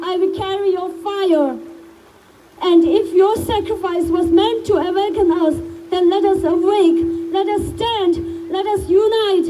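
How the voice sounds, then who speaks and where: High-pitched woman giving a solemn rally speech. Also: warm tone, rough recording. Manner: slow, solemn, rising to chanted slogans. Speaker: protest speaker. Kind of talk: impassioned memorial speech at a rally. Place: outdoor street protest in the rain.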